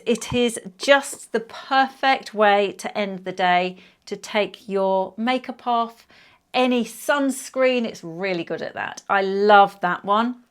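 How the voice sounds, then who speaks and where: A woman's voice: medium pitch, fairly bright tone. A woman over fifty talks her viewers through a casual product review. She is chatty and effusive, gushing with enthusiasm as she goes. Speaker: beauty vlogger.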